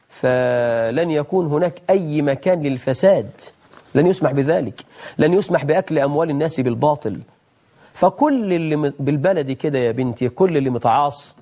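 A man's voice: a little high, mellow. A man with an Egyptian Arabic accent, a sheikh giving a religious lesson and taking calls from viewers, delivering emphatic, scolding rhetorical questions. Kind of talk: religious lesson with call-ins.

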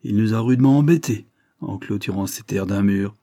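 A man voicing a gruff, suspicious male country peasant who talks in rough rustic speech. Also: fairly low pitch, normal speed, mellow, no echo, clean studio sound. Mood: grumbling.

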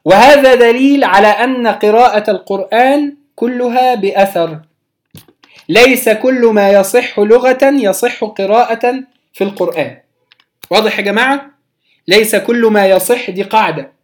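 A medium-pitched teacher with an Egyptian accent leads a Quran recitation lesson that has been recorded. Each example word is recited slowly and drawn out, with patient explanation throughout.

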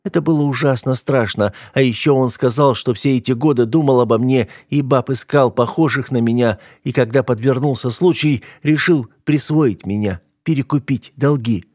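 A man's voice: medium pitch, moderate pace, hardly any pauses, a little mellow, dry recording, studio quality, voice pushed up, lightly acted. A man reading an audiobook voices a frightened, tearful young woman, pleading with a raised voice.

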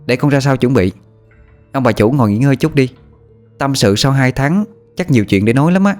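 A man voicing a frightened, gossipy young female servant, pleading in a high, tearful voice. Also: expressive, fairly quick, a little mellow, faint music behind, close to an everyday voice. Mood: eager.

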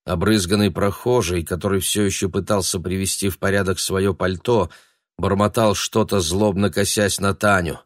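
A man reads a novel aloud in a measured, steady narration. His voice sits in a low register. It is recorded dry and close, with no room echo. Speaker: audiobook narrator. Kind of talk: scripted narration.

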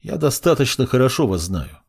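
A man's voice: medium pitch, sing-song, fairly quick, breathy edge, pitched above the performer's own voice. A man voicing a young male judge who is irritated and condescending, speaking in a brusque, lecturing way in an audiobook.

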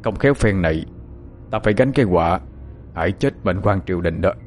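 A man's voice: sits low, expressive, fairly quick, a little mellow, soft background music. A grave old-style mandarin father. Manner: solemn, urgent instructions. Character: grave middle-aged male mandarin father. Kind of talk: audiobook character acting.

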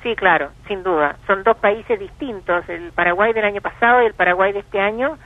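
A man giving measured political analysis in a phone interview, listing points. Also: sits high, no echo. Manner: measured, explanatory, lists points. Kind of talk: phone interview on election results. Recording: tinny phone line.

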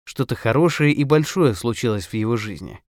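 A man's voice: medium pitch, expressive, fairly quick, dry recording, clean studio sound. A man reading an audiobook in a theatrical style, putting on voices for the characters. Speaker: audiobook narrator.

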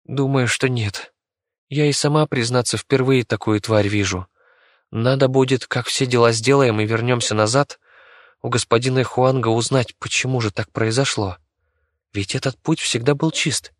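A man voicing a practical young girl who speaks briskly and grumbles. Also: medium pitch, no echo, studio quality, voice pushed up, close to an everyday voice. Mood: tired grumbling. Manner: brisk, grumbling when calm.

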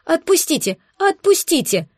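A woman voicing a young woman who theatrically fakes tearful pleading in a high, pitiful voice. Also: brisk, no echo, studio quality, natural voice.

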